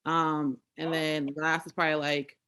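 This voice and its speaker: A woman's voice: low voice, little pitch movement, a little slow, a bit bright, clear, resonant tone. A young woman guest chatting casually in an interview, with many fillers. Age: young adult.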